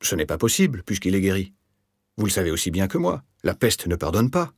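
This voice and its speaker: A man's voice: sing-song, brisk, husky, dry recording, clean studio sound, full character voice. A man voicing an anxious, touchy middle-aged rentier in an audiobook, speaking in a raised, agitated voice. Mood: defensive. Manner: agitated, defensive, raised pitch. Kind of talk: audiobook character voice.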